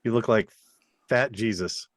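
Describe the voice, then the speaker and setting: Joking man, lowish dry voice. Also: a little slow, no echo. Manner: self-deprecating, joking, sweary, rambling. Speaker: podcast co-host. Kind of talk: casual chat.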